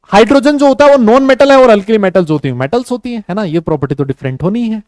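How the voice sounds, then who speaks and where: A man teaching a chemistry class online. He talks slowly and easily, mixes Hindi with English terms and keeps quizzing his students. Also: high voice, lively intonation, a little mellow, no room sound. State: has a headache.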